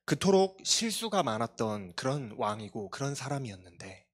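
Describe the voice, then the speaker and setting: A man's voice: medium pitch, big pitch swings, moderate pace. A male pastor giving a sermon to a youth congregation, earnest and confessional, with self-deprecating asides. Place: church.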